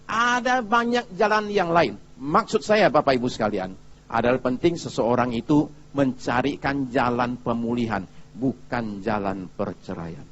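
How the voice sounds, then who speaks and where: A male pastor giving a sermon in a lively, chatty storytelling manner, often turning to the congregation with asides. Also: fairly high pitch, highs cut off.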